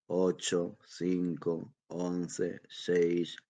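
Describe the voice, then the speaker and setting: A man voicing a tired grown son who speaks calmly and evenly, in a husky voice. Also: lowish voice. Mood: patient. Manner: calm, measured reading. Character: weary, patient grown son.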